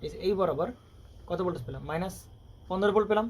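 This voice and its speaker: A man's voice: high voice, rapid-fire. A male electronics tutor explains a circuit at breakneck speed. He keeps quizzing his students with rhetorical questions. Faint background noise sits under the recording. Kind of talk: classroom lecture with questions.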